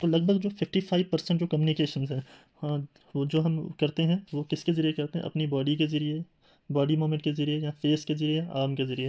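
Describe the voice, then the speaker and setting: In a mellow voice on the high side, a man gives a classroom lecture with a tinge of accent. He walks through the material step by step, posing rhetorical questions and filling gaps with filler sounds.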